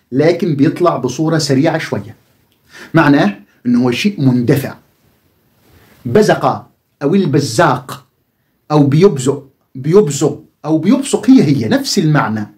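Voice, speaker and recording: Lively Egyptian man teaching a lesson. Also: a little high. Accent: Egyptian Arabic. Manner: questions to the viewer, answers them himself. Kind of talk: explanatory video lesson.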